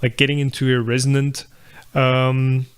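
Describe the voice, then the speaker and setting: A man's voice: medium pitch, little pitch movement, normal speed, clear, resonant tone. A young man hosting a live viewer Q&A, thinking aloud with lots of fillers and restarts. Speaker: channel host answering viewer questions. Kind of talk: casual live Q&A about 3D printing.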